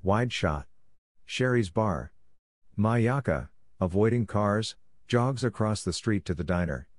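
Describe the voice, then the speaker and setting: A man narrating screenplay scene directions in an even, matter-of-fact reading. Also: fairly low pitch, slow, no echo, studio quality.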